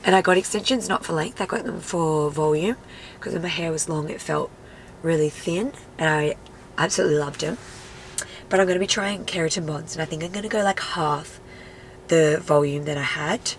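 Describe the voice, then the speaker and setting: Sick-sounding mum vlogger, nasally and a bit gravelly, lowish voice, just rambling honestly in her car. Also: normal speed, a little hiss or hum, rough recording. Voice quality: nasal, congested voice. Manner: chatty, candid, many "like" fillers. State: sick with a cold. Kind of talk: casual car chat to camera. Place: inside a parked car.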